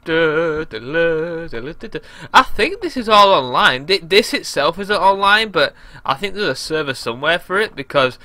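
Shouty young English man gaming. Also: high-pitched, very animated, moderate pace, hardly any pauses, no room sound. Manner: shouty and exasperated. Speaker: gameplay commentator. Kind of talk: casual game commentary.

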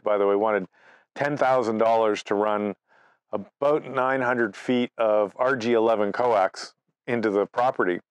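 Outdoors by the trees at a cottage, a man who presents amateur radio gives an informal talk, telling conversational anecdotes. His voice sits in the mid range, and there's no echo.

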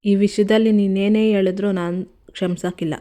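A stern village patriarch, as a woman reads him who speaks with grave, wounded reproach in a flat, mellow voice. He comes across as deeply hurt rather than loud. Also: brisk, natural voice.

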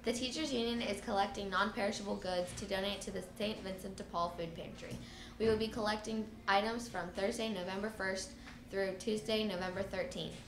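Female announcer over a school PA system, reads notices plainly, mid-pitched, echoey with steady background noise. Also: fairly quick. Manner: plain read-aloud delivery with small stumbles.

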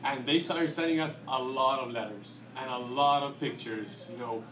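A man's voice: mid-range voice, moderate pace, noisy background. Icelandic man presenting in an echoey room. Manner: relaxed, conversational with frequent fillers. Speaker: guest presenter. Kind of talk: slide presentation to an audience. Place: dim restaurant event room. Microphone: handheld mic.

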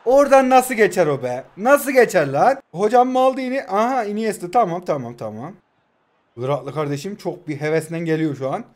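This twenty-something man speaks in a high voice at a slightly quick clip. Over a mobile football game, he delivers lively, playful play-by-play, poking fun at himself and the people watching.

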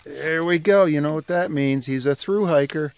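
Here the middle-aged hiker vlogger speaks at a fairly high pitch and a normal speed. He narrates casually into a handheld phone at arm's length while on a wooded trail and dam, with outdoor background noise clearly present.

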